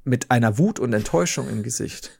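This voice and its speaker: A man hosting a podcast, telling a story in casual chat and acting out the quoted dialogue with big leaps in pitch, swearing casually. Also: lively intonation, fairly quick, creaky, darkish tone, breathy edge. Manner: swears casually, rambling restarts. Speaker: podcast host.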